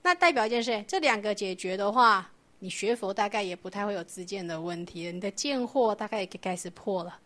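A woman's voice: medium pitch, expressive, quick pace, few pauses, a bit bright. A woman teaching a Buddhist doctrine lecture, explaining patiently and asking her class rhetorical questions.

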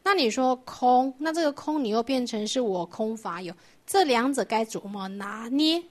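A woman's voice: on the high side, expressive, normal speed, a little mellow. A woman teaching a Buddhist doctrine lecture, explaining patiently and asking her class rhetorical questions.

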